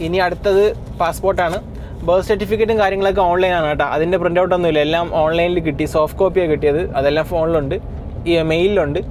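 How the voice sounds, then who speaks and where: A Malayali man from Kerala telling a family story, casual, laughing, talking loud from a car. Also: high voice, fairly even intonation, very fast, slight background noise. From Kerala, India. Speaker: family vlogger. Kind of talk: casual vlog chat. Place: in a car on city roads.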